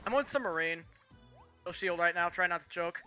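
A young man commentating his speedrun race as he plays, with excited bursts of cheering. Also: high voice, fairly quick, faint music behind. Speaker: speedrunning gamer.

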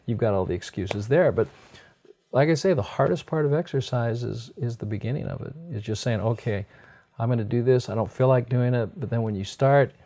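Seated on a sofa indoors with shelves of books around him, this health doctor and program host talks a little fast in a dark, mid-range voice. He's a middle-aged American offering folksy, explanatory health tips in a conversational style.

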